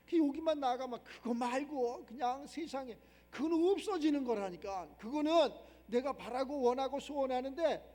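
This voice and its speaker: A man's voice: very high-pitched, a little mellow. A man preaching a sermon as pastor, emphatic and repetitive, with many rhetorical questions. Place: church sanctuary. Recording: long reverb of a church hall.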